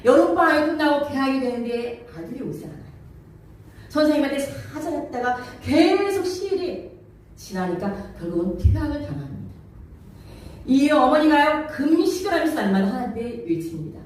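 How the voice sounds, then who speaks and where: A high-pitched woman pastor preaches with strong emphasis, firing rhetorical questions at her congregation. Her voice is heard from some distance in a very reverberant sanctuary, with faint noise underneath. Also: big pitch swings, moderate pace, darkish tone. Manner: sings hymn lines and leads congregation in reading. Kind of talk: sermon. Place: church sanctuary. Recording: very echoey room, from far off, faint noise.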